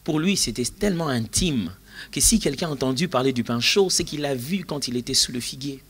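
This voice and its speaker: A man preaching a sermon at a church retreat, telling a personal story and shifting between hushed and loud passages. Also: mid-range voice, animated, brisk, husky.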